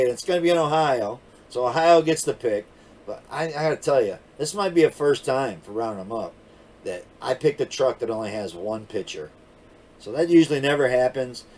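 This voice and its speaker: A middle-aged man talks through vehicle listings in a relaxed, folksy manner, with drawn-out asides between points. His voice sits at an ordinary pitch for a man. He is recorded a little way back from the microphone. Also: recorded from a distance. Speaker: channel host. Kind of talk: casual commentary over listings.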